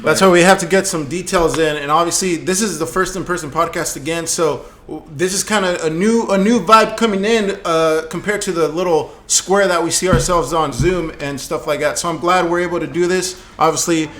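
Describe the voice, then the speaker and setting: A man's voice: fairly high pitch, brisk, hardly any pauses, a bit bright, roomy sound. A young man hosting a podcast in a casual, chatty sports-talk style. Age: young adult. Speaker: podcast host. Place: indoor lounge seating area.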